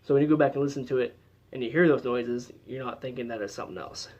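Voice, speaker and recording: A man's voice: mid-range voice, quick pace, a little mellow. A man giving a casual how-to demonstration as a paranormal investigator, explaining in a loose, chatty way with lots of fillers.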